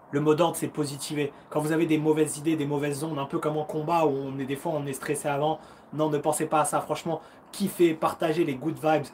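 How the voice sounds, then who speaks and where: A man in his thirties runs a relaxed live Q&A from home as a karate coach, talking in a fairly high, bright voice. He keeps things upbeat and encouraging, peppering his talk with slang and acting out strikes and quick footwork with little sounds. A faint hiss sits under the voice. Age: 30s. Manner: slang-laden and chatty. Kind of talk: casual live-stream Q&A.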